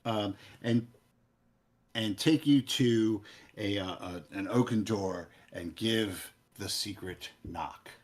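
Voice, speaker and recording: Male game master, very low husky voice, halting improvised narration of a fantasy scene. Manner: halting, searching for words.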